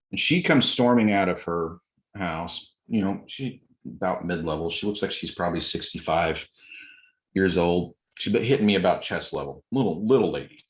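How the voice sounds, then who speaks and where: Low-pitched male podcast guest, animated anecdotes with voiced quotes. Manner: animated retelling, acts out quotes, occasional laughs. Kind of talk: casual storytelling.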